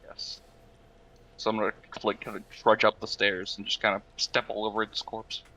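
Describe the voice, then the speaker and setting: A man's voice: fairly low pitch, flat delivery, moderate pace, pushed and bright, rough recording. A man playing a tabletop game over an online call, hesitant and full of fillers. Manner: hesitant, filler-heavy, sheepish. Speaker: player. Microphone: online call microphone.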